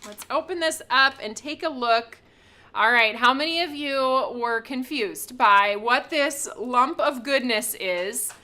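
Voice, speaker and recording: A woman's voice: high voice, slow, pushed and bright. A woman hosting a live craft product reveal, chatty and upbeat, laughing often as she shows items. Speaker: craft shop host.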